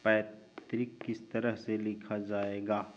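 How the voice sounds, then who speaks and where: A male teacher giving a spelling lesson, drawing out each word slowly and answering his own questions. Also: on the low side, level tone. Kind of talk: spelling lesson while writing on a board. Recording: dull lo-fi recording with mains hum.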